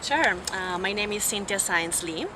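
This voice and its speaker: Woman from Peru, young adult, interview answers, fillers and restarts, steady mid pitch, traffic noise behind. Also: moderate pace. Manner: fluent, with frequent fillers and restarts. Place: outdoors on a university campus. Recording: clear background noise.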